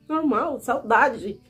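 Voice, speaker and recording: A woman's voice: on the high side, very slow, soft background music. A Cuban woman in her twenties, speaking Portuguese as a second language with a Cuban Spanish accent, chatting casually to her viewers as she tells a story. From Cuba. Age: 20s. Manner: chatty, animated, frequent fillers and asides to viewers. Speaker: vlogger.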